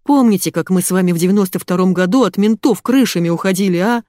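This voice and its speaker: A woman voicing a burly male bodyguard with a hoarse bass voice, coaxing his old boss. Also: quick pace, warm tone, dry recording, clean studio sound, close to an everyday voice. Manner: coaxing, persuasive.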